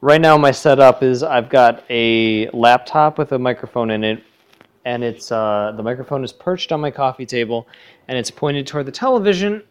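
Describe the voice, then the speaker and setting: A young podcast co-host with a medium-pitched, clear, resonant voice speaks at a moderate pace. Talking from his living room through a headset plugged into his phone, he rambles through a solo commentary, correcting himself and adding chatty asides.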